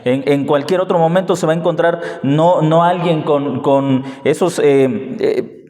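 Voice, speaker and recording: A man preaching as pastor from the front of a church, his voice a little high for a man. He keeps putting rhetorical questions to the congregation and acting out what parents say. The sound rings around a big echoing hall. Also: fairly even intonation, measured pace, a little mellow. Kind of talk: sermon.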